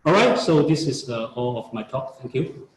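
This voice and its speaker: A man's voice: medium pitch, expressive, heavy background noise. A male professor with a Hong Kong accent giving an academic seminar talk, hesitating often and checking in with "right?". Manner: halting, frequent hesitations and "right?". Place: seminar room. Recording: echoey room.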